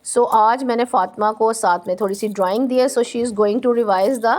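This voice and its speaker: A woman teacher giving a classroom lesson, drawing out words slowly and slipping into quick Hindi asides, prompting and repeating answers. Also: a little high, darkish tone. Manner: slow, drawn-out English and quick Hindi asides.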